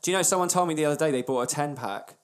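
A man's voice: on the high side, very fast. A man with a British accent in casual comic banter as a podcast co-host, sweary and mock-indignant.

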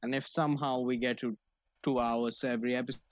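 A man's voice: mid-range voice, flat delivery, fast talker, no room sound. A man co-hosting a podcast in casual, slangy, rambling chat, often repeating his words. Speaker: podcast co-host.

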